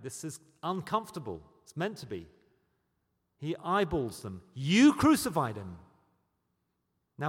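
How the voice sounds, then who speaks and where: British male preacher, raised pitch, long church-hall reverb, emphatic sermon delivery. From Britain. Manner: builds to loud emphatic peaks on key points.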